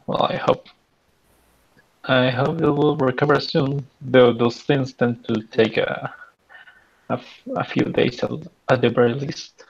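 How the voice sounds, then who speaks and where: A man talks casually as a player in a tabletop game. He takes his time over his words at a medium pitch, and the sound is a little dull and lo-fi. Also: fairly even intonation, measured pace, creaky, husky. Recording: dull, lo-fi voice chat.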